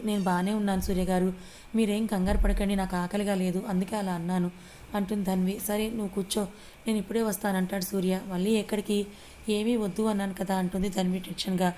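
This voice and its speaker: A woman tells a love story aloud in a mellow, darker-toned voice, reading every character's lines herself. Her pitch stays fairly flat, with little rise and fall. A faint hiss of noise runs under the recording. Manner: reads all parts in one even voice, quoting each character. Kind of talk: audiobook story narration.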